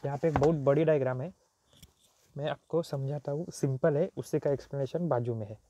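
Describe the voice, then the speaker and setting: A man's voice: mid-range voice, brisk, mellow, a little hiss or hum. A man teaching a technical lecture who mixes Hindi with English terms, repeats his points, and asks and answers his own questions. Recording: dull, slightly muffled recording.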